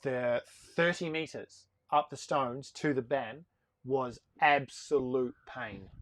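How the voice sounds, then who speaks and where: A man of about forty, a sailing charter boss talking as a guest in a casual live-stream interview, a lively storyteller who talks in quick bursts. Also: mid-range voice, dry recording.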